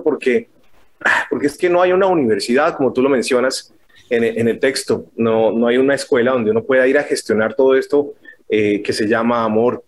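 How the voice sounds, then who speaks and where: Thoughtful male interviewer, hesitant phrasing. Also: medium pitch. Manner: thoughtful, hesitant questions with fillers. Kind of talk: conversational interview.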